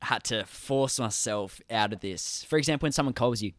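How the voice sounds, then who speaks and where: A man's voice: medium pitch, moderate pace, fairly bright tone, dry recording, clean studio sound. A man with an Australian accent hosting a podcast, asking long, enthusiastic, rambling questions. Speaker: podcast host. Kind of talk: casual podcast interview.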